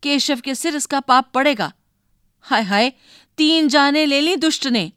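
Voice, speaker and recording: A stern mother scolding her children in an exasperated, raised voice, as a woman reading a storybook puts her on. Her voice sits fairly high and the delivery is slow and dry. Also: fairly bright tone, dry recording.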